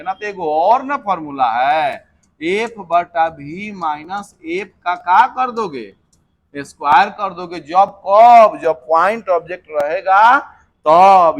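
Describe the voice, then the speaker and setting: A man teaching a physics lesson for exam preparation, mixing in English terms and answering his own questions. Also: sits high. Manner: lively, mixes English terms, asks and answers himself.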